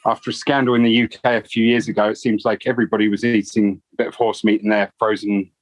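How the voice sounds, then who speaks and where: A guitarist in his forties from London, England, chats casually in an interview with a London accent, relaxed and rambling with plenty of fillers. His low voice moves fast; the audio is poor but has no echo.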